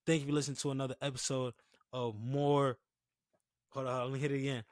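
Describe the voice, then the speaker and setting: A man's voice: mid-range voice, level tone, fast talker, no echo. A young man hosting a casual sports podcast with laid-back, slangy talk, slightly lisping from wearing retainers, with a dry mouth late at night.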